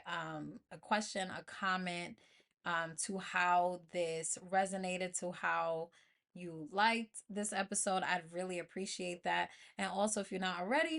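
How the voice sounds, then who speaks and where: With a creaky, medium-pitched voice, an American woman runs an informal motivational podcast by herself. She talks colloquially and emphatically, hammering points home through repeated phrases.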